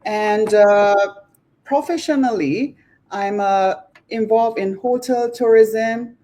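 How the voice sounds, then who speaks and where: A woman from Myanmar with a Burmese accent gives a formal self-introduction as a panel guest on a live stream, in halting English. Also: medium pitch, dark tone. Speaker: guest, club officer.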